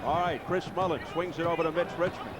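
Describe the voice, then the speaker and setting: A man calling a basketball game play by play on an old broadcast, with brisk, excited calls of the action. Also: fairly high pitch. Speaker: play-by-play announcer.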